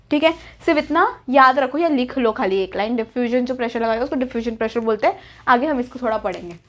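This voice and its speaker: A young woman teaching a biology lesson at a whiteboard, chatty and repetitive, asking questions and answering them herself. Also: high voice. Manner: chatty, repeats key terms, asks and answers herself.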